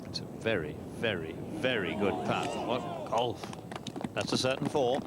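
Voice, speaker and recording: A man's voice: on the low side, animated, a little slow, heavy background noise. A man giving live commentary on golf putting from an outdoor broadcast.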